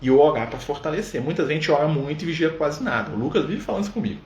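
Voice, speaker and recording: A man's voice: on the high side, animated, quick pace, darkish tone. A man leading a casual Spiritist study on a live stream, talking conversationally and often adding "né?" and "tá?". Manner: conversational, full of "né?" and "tá?" asides. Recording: roomy sound with faint background noise.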